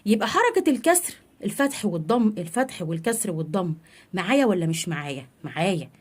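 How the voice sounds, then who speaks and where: With a medium pitch that is sing-song and slightly rough, a woman with an Egyptian Arabic accent guides kids through reading. She asks questions, responds to them herself, and draws each sound out at a slow pace.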